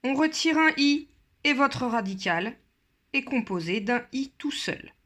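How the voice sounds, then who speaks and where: A woman gives a grammar lesson and talks unhurriedly, taking her time over every form. Her voice is bright and sits fairly high, and she counts methodically through each example. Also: animated, unhurried. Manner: counts methodically, patient step-by-step explanation. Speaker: Latin teacher. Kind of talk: classroom lesson.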